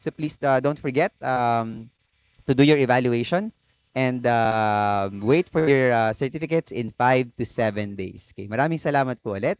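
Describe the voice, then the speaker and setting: A man's voice: medium pitch, moderate pace, clean tone, no room sound, highs cut off. A man with a Filipino accent hosting a webinar casually, switching between Tagalog and English. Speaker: webinar host.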